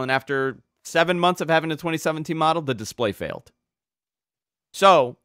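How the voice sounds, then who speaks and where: A man hosting a podcast, telling stories in an animated way and repeating words when he gets excited. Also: on the high side, smooth, no room sound, studio quality. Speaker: podcast host. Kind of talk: casual podcast chat.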